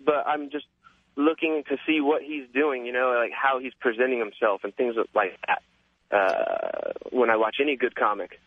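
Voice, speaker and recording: A man's voice: fairly high pitch, no room sound. A man from Japan calling in to a radio show, talking in a hesitant, rambling way with many fillers. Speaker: caller. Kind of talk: phone-in conversation. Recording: tinny phone line.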